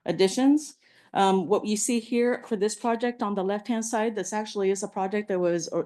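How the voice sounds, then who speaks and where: Low mellow woman presenting slides. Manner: walks through slides with many fillers. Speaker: transportation agency presenter. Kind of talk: meeting presentation.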